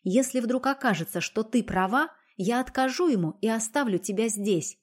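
A woman voicing a naive, childish young noblewoman in love, speaking in a higher, gushing, insistent way. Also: animated, normal speed, husky. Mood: coaxing, petulant.

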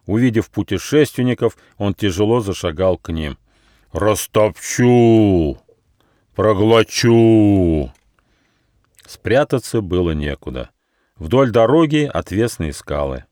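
A man reading his own fairy tale aloud as an audiobook, with expressive storytelling. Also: lowish voice, no echo, studio quality.

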